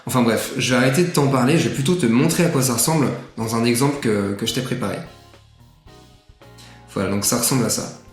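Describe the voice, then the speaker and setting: A man casually walking the viewer through a software tutorial, chatty and full of filler sounds. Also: mid-range voice, fast talker. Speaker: tutorial presenter. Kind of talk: casual screen-share tutorial. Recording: echoey room, faint music.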